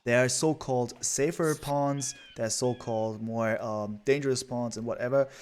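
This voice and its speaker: Male esports caster, rambling, filler-heavy, mid-pitched voice. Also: fairly even intonation, normal speed, darkish tone, clean tone. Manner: chatty, rambling, frequent fillers. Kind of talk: live game commentary.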